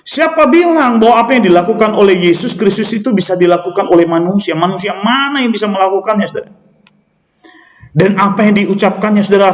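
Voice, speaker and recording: High-voiced preacher in an echoey hall. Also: male voice. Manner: rhetorical questions, addressing listeners as brothers and sisters. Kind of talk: sermon.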